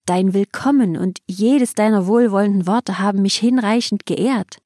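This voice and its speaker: A woman's voice: medium pitch, moderate pace, dark tone, dry recording, studio quality, natural voice. Vishwamitra, woman reading a courteous royal sage. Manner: formal, ceremonious address. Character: male royal sage, a king, courteous and formal. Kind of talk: audiobook reading.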